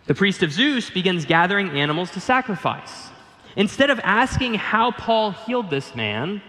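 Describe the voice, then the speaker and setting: A male pastor preaching a sermon in an earnest, measured way, building emphasis as he goes. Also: high-pitched, fairly bright tone, long reverb tail.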